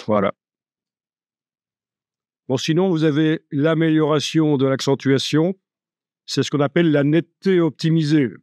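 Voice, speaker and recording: A man giving a live software tutorial, chatty and joking, thinking aloud as he works. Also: a little high, normal speed, long pauses, dry recording. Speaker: software instructor.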